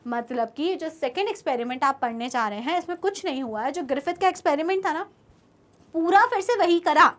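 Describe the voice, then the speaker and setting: Speaking in a high, somewhat bright voice, a young female teacher delivers a lecture to an online class. She keeps posing questions to her students, only to answer them on her own.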